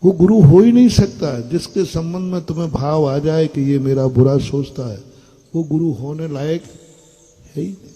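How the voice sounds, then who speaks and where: A man's voice: fairly high pitch, normal speed, mellow, husky, low-quality recording. An older man preaching a sermon to an audience, blunt and scolding, asking his listeners questions. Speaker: Jain monk preacher.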